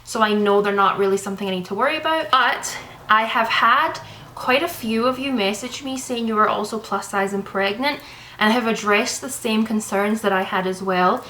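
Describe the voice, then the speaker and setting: A young Canadian woman vlogs, chatting casually to her camera, out of breath, rambling and reassuring. Her medium-pitched voice is pushed and bright at normal speed, recorded on the camera mic with poor audio and slight background noise.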